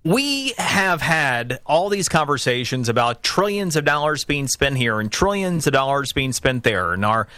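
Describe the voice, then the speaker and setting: A dry, close studio recording of an American man hosting a call-in radio show. His voice is bright and forceful, and he comments on politics emphatically, doubling back on phrases for stress. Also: medium pitch, sing-song, moderate pace, hardly any pauses, no echo. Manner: emphatic, repeats phrases for stress, stop-and-start. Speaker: talk radio host. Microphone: close studio broadcast mic.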